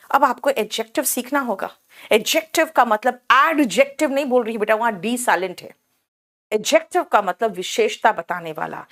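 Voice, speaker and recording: An Indian woman teaching English in a live online class, speaking slowly and deliberately in a slightly high voice. She drills each word by repeating it and calls on students by name.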